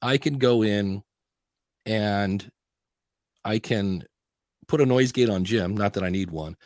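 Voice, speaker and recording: Taking it slowly in a lowish, darkish voice, a podcast host rambles about audio gear. He often restarts his sentences and quotes himself during the casual tech chat. The studio-quality recording, made with a dynamic mic, is dry.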